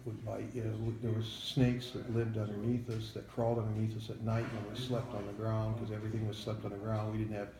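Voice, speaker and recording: An older American man, a veteran in an interview, remembering his army days in a halting, plain-spoken way. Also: fairly low pitch, little pitch movement. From United States. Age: 70s or older. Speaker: Vietnam-era army veteran being interviewed. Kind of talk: veteran interview, recalling memories. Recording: echoey room, faint background noise.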